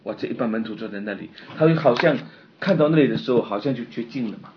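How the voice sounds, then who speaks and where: A man preaching a sermon, impassioned and confessional, swinging between loud outbursts and quiet, subdued stretches. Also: mid-range voice, fast talker, muffled recording, background noise. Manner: personal and confessional, retelling his own despair.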